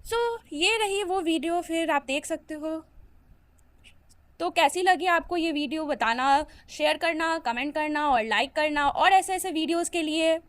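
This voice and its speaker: A woman's voice: high-pitched, unhurried, dry recording. A young woman giving a casual step-by-step lesson, patiently repeating each sound and stroke and encouraging her viewers as a learner herself. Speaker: self-taught learner sharing lessons.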